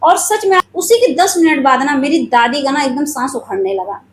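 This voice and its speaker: A woman's voice: high voice, lively intonation, normal speed, roomy sound. A woman telling her own spiritual story in an earnest, confiding way, speaking straight to her viewers.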